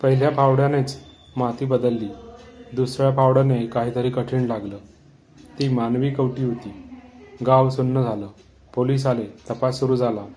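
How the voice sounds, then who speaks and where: A man tells a horror story in a calm, measured way. His voice is dark and mellow, steady in pitch.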